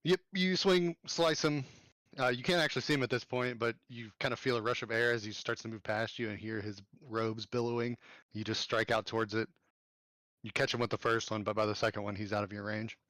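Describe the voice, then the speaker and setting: A man's voice: medium pitch, fairly even intonation, a little fast, a bit bright, dry recording. Casual man running a tabletop game. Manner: casual, with fillers and self-corrections. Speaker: game master. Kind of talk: narrating an online tabletop game.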